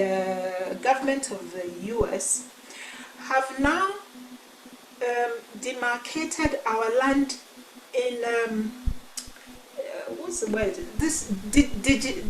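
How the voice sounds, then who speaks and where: A woman, speaking on an online town hall panel, deliberate and pausing to search for her words. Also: fairly high pitch. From Ghana. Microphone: video call. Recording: echoey room, faint background noise.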